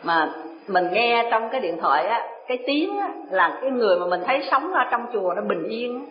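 A woman's voice: on the high side, sing-song, fairly quick. A Buddhist woman teacher, giving a dharma talk in a chatty storytelling manner. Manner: chatty storytelling, laughs often. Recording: echoey room, dull lo-fi sound.

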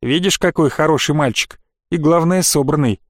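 A man's voice: fairly high pitch, moderate pace, dry recording, clean studio sound, natural voice. A man voicing a chatty, teasing old woman in an audiobook, mocking and scolding. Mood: fawning. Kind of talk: audiobook character voice.

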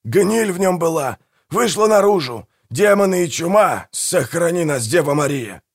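A bellowing, fanatical grave robber, put on by a male narrator, pitched well above his normal voice. He roars out devotion with wild, lively swings. A rough, hot-tempered storybook brute. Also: normal speed. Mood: fevered. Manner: bellowing, zealous.

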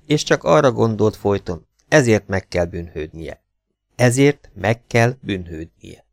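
Low-voiced male audiobook narrator. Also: vocal fry, darkish tone, dry recording, studio quality.

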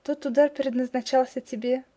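A woman's voice: high voice, fairly even intonation, normal speed, mellow, voice pushed up, lightly acted. A woman voicing a polite, cheerful young woman runner.

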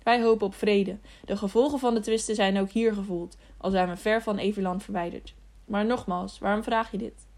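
A woman's voice: mid-range voice, steady tone, fairly quick, few pauses, a little mellow, lightly acted. A woman reading the part of a blunt, commanding grown man in an audiobook, asking brusque questions. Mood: questioning. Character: commanding adult male townsman, blunt.

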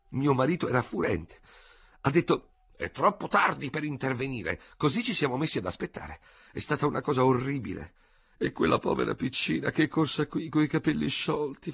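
A man's voice: mid-range voice, creaky, a bit bright, slightly rough, no room sound, voice pushed up, full character voice. A man voicing a fussy, talkative older noblewoman in an audiobook, chattering breathlessly. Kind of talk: audiobook character voice.

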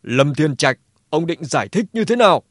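A man voicing a coldly furious male tycoon in an audiobook, speaking through clenched teeth. His voice is a little raised and loud. The recording is dry. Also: fairly high pitch, expressive, fast talker, slightly rough, no room sound. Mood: cold fury.

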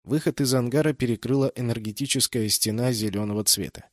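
A man's voice: medium pitch, a little fast, no room sound, clean studio sound. A man reading scripted first-person fiction as an audiobook narrator.

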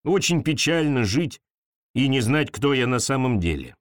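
A man voicing a naive, lonely swamp creature with big paws, talking slowly and with wonder. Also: sing-song, no echo, studio quality, natural voice. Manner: slow, wondering, low-pitched.

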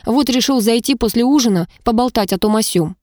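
A woman reading the lines of a gruff, heavyset middle-aged male police colonel who hisses and grumbles insistently. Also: on the high side, brisk, darkish tone, dry recording, studio quality, voice pushed up, natural voice. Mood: grumbling.

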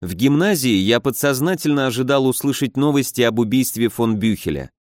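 A man's voice: mid-range voice, lively intonation, fairly quick, a little mellow, no room sound, clean studio sound. A man reading a novel aloud in the first person, with a wry storytelling manner. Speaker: audiobook narrator. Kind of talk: first-person scripted narration.

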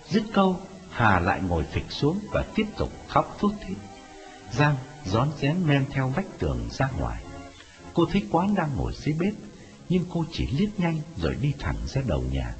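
A man narrating a dramatic story in a scripted, expressive telling. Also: medium pitch. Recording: dull lo-fi audio with music. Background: music.

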